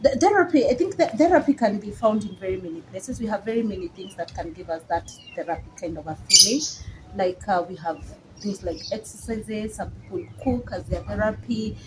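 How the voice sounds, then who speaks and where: A woman's voice: mid-range voice, a little fast. A woman with a Kenyan accent and a mid-range voice talks casually as a psychologist explaining her field. She repeats words for emphasis. There is some ambient noise with birds behind her. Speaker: psychologist guest.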